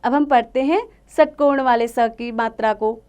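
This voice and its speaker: A woman teaching a children's lesson, reciting syllables one by one in a slow, drawn-out way. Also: on the high side, a little mellow, smooth.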